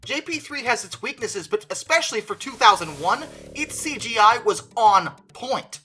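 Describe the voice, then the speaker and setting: A woman with a bright, fairly high-pitched, animated voice speaks at a moderate pace in a forceful tone, with soft music behind her. A video creator reviewing films as a fan, she talks conversationally through an opinionated review, stressing key words emphatically.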